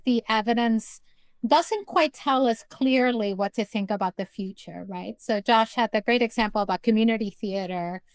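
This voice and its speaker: A woman from Peru, a philosophy professor, speaking as a guest on a radio talk show with thoughtful, measured explanations. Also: fairly high pitch, no room sound. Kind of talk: radio interview conversation.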